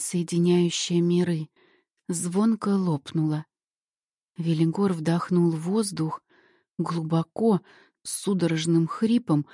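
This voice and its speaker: Husky low-voiced woman narrating a story. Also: no room sound, studio quality. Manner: measured, softly dramatic reading. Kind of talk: scripted first-person story narration.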